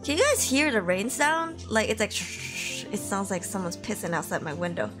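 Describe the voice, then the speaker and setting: Streaming from her home room with music playing, a young Malaysian woman who streams as a VTuber talks casually with viewers, giggling and bubbly despite sounding tired and sniffly. Her medium-pitched voice is very animated and fairly quick.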